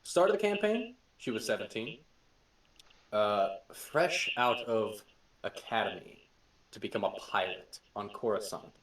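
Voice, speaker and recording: A man's voice: fairly low pitch, unhurried, far from the mic. A young man hosts a casual podcast and tells tabletop game stories, his voice swinging up and down as he laughs and swears through them. The room sounds echoey, and he sits well back from the mic. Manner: laughing, swearing, excitable storytelling. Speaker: podcast host and game master. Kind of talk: casual chat.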